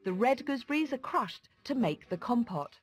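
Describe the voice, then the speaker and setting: A woman's voice: a little high, big pitch swings, normal speed, noisy background. A woman with a British accent reading scripted cookery narration as a presenter. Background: music.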